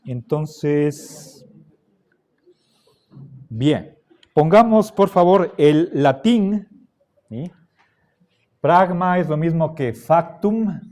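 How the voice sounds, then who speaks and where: A man teaching a class, lecturing deliberately and checking in with his students again and again. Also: on the high side, animated, darkish tone. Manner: slow, deliberate, checks understanding with frequent "¿sí?".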